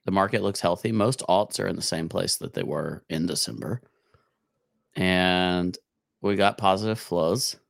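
A man with a rough smoker's rasp, co-hosting a casual, wry podcast chat about markets. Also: sits low, a little slow, no echo, clean studio sound. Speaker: podcast co-host.

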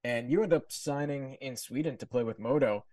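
A man's voice: mid-range voice, normal speed, darkish tone, no room sound. A man hosting a podcast, laying out career details and names before asking his guest a question. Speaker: podcast host. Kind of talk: interview questions.

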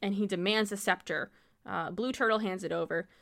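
Giggly bright-voiced woman recapping a movie. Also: medium pitch, brisk, vocal fry. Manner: laughs often while recapping, wry and amused. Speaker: podcast co-host. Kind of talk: casual movie recap chat.

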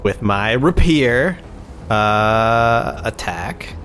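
A man playing a tabletop game, talking in a halting, stammering way. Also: mid-range voice, animated, fairly bright tone, faint music behind. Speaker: player. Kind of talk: casual tabletop game chat.

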